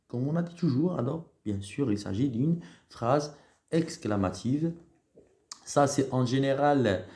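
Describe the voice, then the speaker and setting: A man's voice: mid-range voice, mellow. A male schoolteacher giving a patient recorded grammar lesson to pupils, often repeating and restarting words as he explains.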